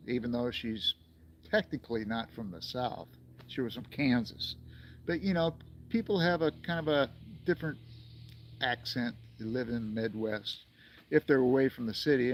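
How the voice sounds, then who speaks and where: A man's voice: medium pitch, moderate pace, slight background noise. A man in his sixties from the United States, rambling and chuckling as he chats casually with viewers on a livestream. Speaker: livestream host.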